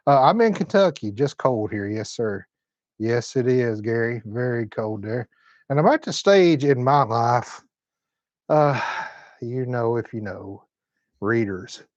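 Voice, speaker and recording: A man's voice: mid-range voice, lively intonation, a little slow, dry recording, muffled recording. A man of fifty hosting a live-stream chat from his home, reading viewer comments in a folksy, laid-back Southern way. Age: 50s. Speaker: host.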